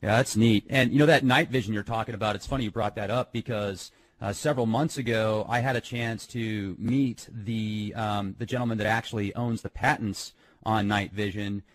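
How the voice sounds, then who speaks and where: A man's voice: fairly low pitch, steady tone, normal speed, no echo, poor audio. Host, man, sincere and a bit emotional, casual talk, no room sound. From United States. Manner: earnest, emotional storytelling. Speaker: interviewer host. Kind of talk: casual interview chat.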